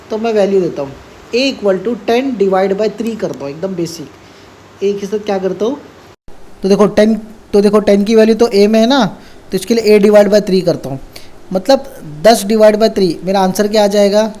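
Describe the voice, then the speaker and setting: Mellow-voiced tutor. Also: male voice, sits high, moderate pace. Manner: asks and answers his own questions, repeats key words. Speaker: programming tutor. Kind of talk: casual coding lesson.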